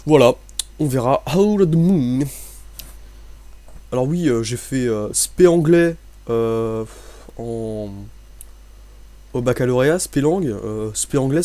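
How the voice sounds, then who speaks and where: Joking young French gaming commentator. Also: male voice, mid-range voice, normal speed, pauses often, dark tone, dry recording. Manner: joking, rambling, self-mocking. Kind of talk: casual gameplay commentary.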